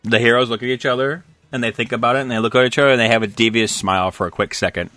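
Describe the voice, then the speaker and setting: A man's voice: medium pitch, steady tone, very fast, sharp tone, no room sound, faint music behind. A man running a tabletop role-playing game as game master, narrating in a loose, rambling way. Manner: loose, rambling, many restarts.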